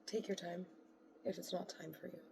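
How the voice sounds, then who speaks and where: A woman giving a casual astrology reading, talking softly and rambling, with blunt, profane asides. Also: lowish voice, steady tone, normal speed, creaky, noisy background. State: voice quiet today. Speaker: astrology reader. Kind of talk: casual tarot-style astrology talk.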